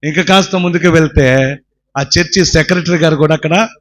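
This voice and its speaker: A man's voice: a little high, fairly quick. A man preaching a sermon, telling a story dramatically and crying out the pleas of its characters. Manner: dramatic storytelling, acting out voices and shouting pleas.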